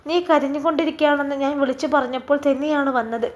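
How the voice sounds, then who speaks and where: A chatty, caring nurse who speaks brightly and eagerly. Her high voice rises and lifts with energy, as a woman reader plays her. She is a figure in a storybook reading. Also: close to an everyday voice. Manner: brisk, coaxing, animated.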